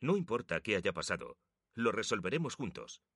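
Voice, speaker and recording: A man voicing a frail old father who gently consoles his son, with a lively, low voice. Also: moderate pace, creaky, husky, no room sound, clean studio sound, heavily acted. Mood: tender.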